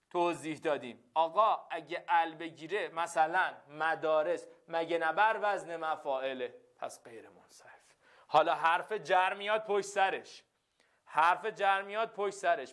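A man's voice: fairly high pitch, a bit bright. A male teacher giving a classroom lesson, repeating phrases and often checking that the students follow.

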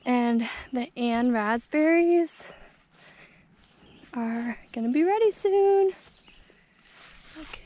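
The young homestead vlogger's voice sits high yet has a dark tone; she's expressive, speaks very slowly and pauses often. Holding an action camera, she leads a relaxed, chatty tour of her rural garden outdoors on a hot day, with lots of fillers.

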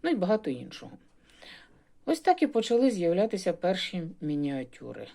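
A woman philologist giving a prepared talk on phonetics, explaining with gentle irony and demonstrating sample pronunciations. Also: lowish voice, huge pitch swings, a little fast, creaky. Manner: ironic, explanatory, models pronunciations. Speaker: university philologist.

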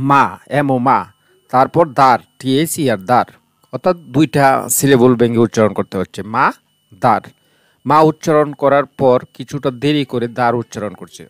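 A man with a Bangladeshi accent teaching an online English lesson, explaining slowly and repeating terms. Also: mid-range voice, no room sound. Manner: explains slowly, repeats terms in two languages, breaks words into syllables.

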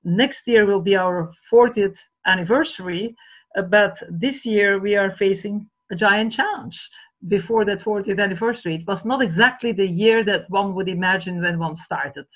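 A woman's voice: medium pitch, moderate pace, poor audio. Belgian woman with a Flemish accent. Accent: Flemish Dutch. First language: Dutch. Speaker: charity director. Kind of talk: video call interview. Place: home study with bookshelves. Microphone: laptop webcam video call.

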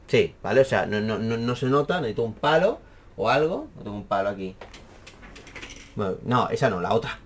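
A young man with a Spain Spanish accent, casually explaining a camera problem in an animated, exaggerated way, full of fillers and swearing. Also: lowish voice, brisk. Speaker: math teacher and YouTuber. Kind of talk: casual rambling tech explainer.

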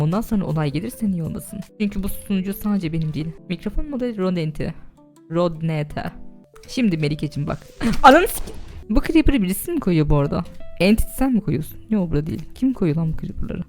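A woman's voice: on the low side, warm tone. A young woman chatting casually while streaming a game live as server admin, talking to her chat with bursts of laughter and shrieks.

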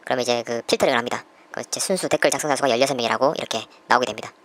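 A man's voice: medium pitch, very fast, a bit bright. A man hosting a YouTube channel, presenting a giveaway winner announcement in polite, formal phrasing.

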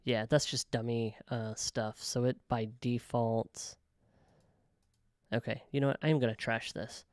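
A man casually talking through a software tutorial, thinking aloud with frequent ums and self-corrections. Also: mid-range voice, fairly even intonation, a little slow, no room sound, clean studio sound. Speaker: web developer tutorial host. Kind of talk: casual screen-recorded software walkthrough.

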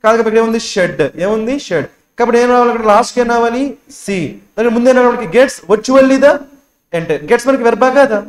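A man's voice: very high voice, fast talker. A man with a Telugu accent teaching an English exam lesson, quizzing students and repeating each answer. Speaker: English teacher for bank exams. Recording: echoey room.

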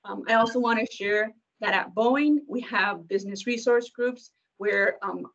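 Woman, corporate presenter on a video call; brisk, filler-heavy, muffled lo-fi audio. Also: on the high side, a bit bright. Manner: many ums and uhs, brisk. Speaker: corporate community engagement presenter.

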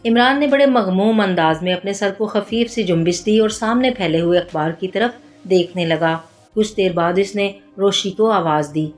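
A woman's voice: medium pitch, normal speed. Woman narrating a detective story. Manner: steady storytelling delivery. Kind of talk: audiobook narration of a detective novel. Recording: soft background music.

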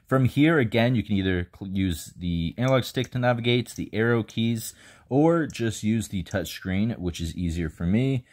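A man hosting a casual tech tutorial, calmly walking viewers through each step while filming indoors on a handheld phone. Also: lowish voice, moderate pace. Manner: relaxed step-by-step instructions. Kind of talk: casual how-to walkthrough. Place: indoors, filming over a bed.

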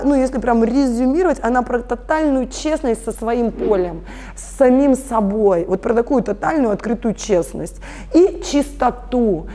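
A family constellations facilitator in her thirties, her voice a little high and mellow, earnestly explains her work. She speaks to listeners directly over the course of a conversational interview.

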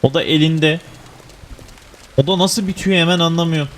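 A man's voice: fairly high pitch, normal speed. Fed-up Turkish man grumbling over a game. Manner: grumbling, easily annoyed, swears at the game. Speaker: gaming streamer. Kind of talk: casual gameplay commentary.

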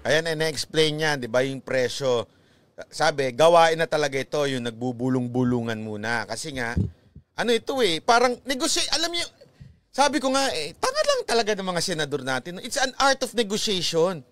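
A man's voice: on the high side, animated, normal speed, a bit bright, no room sound. A man with a Filipino accent giving chatty, teasing commentary, laughing often and mixing Tagalog and English. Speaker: vlogger commentator. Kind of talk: casual commentary.

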